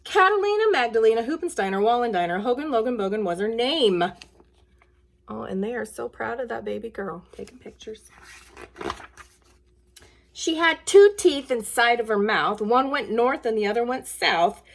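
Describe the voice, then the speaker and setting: A woman with a fairly high, expressive voice and some vocal fry talks at a moderate pace to children, like a school nurse at story time. She chats casually and reads aloud using plain, simple phrasing aimed at kids.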